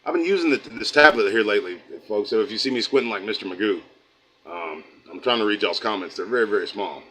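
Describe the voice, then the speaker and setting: This middle-aged U.S. livestream host talks fast in a fairly low voice that's pushed and bright, with lively intonation. He reads chat and chats casually with viewers in a folksy, rambling style that slides into preaching, all on a low-quality recording.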